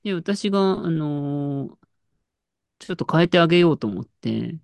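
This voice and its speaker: A woman's voice: sits low, animated, moderate pace, creaky, a little mellow, dry recording. A woman in casual chat, telling an anecdote with lots of fillers and restarts. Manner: storytelling with frequent fillers and laughs.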